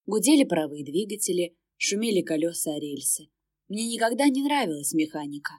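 A woman reading first-person fantasy narration in an even, wry storytelling manner. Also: on the low side, fairly quick, dry recording, clean studio sound. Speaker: audiobook narrator.

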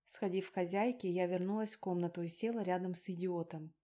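Woman, audiobook narrator, even measured reading, slightly low pitch, warm mellow tone. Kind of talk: first-person novel narration.

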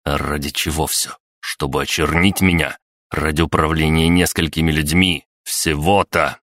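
Super deep guy narrating a story, close dry mic, steady. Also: moderate pace, no echo. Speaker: audiobook narrator. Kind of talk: scripted first-person story narration.

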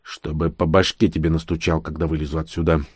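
A man's voice: extremely low pitch, level tone, brisk, slightly rough, dry recording, studio quality, voice pushed down. A man voicing a laconic, sarcastic man who mutters his replies in an audiobook. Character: grumbling, laconic man following orders.

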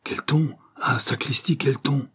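A man's voice: mid-range voice, a little slow, slightly rough, pitched above the performer's own voice. A man voicing a grief-stricken widowed painter who breaks into feverish, exclaiming talk. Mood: enraptured. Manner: anguished then feverishly excited exclamations.

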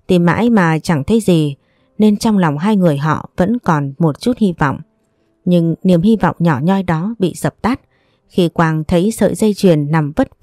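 A woman's voice: fairly low pitch, dark tone, no echo, clean studio sound. A woman reading a sad family story aloud, doing all the characters' lines herself. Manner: voices every character herself. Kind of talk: dramatic story narration.

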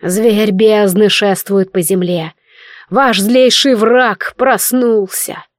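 A woman's voice: mid-range voice, no room sound, studio quality. Lady reading as a grim old archmage man, drags every word out, fantasy audiobook. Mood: grave warning. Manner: slow, drawn-out, grave delivery. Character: frightened old male archmage, slow and grave.

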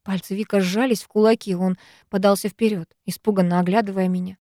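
A woman reading a first-person novel aloud, expressive and measured. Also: mid-range voice, no room sound, studio quality. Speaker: audiobook reader.

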